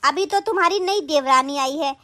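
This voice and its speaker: A woman's voice: sits high, normal speed, sharp tone. A woman voicing a bossy, scolding cartoon sister-in-law. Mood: lecturing. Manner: scolding, taunting. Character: domineering, sharp-tongued woman, the sister-in-law. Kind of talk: Hindi cartoon voice acting.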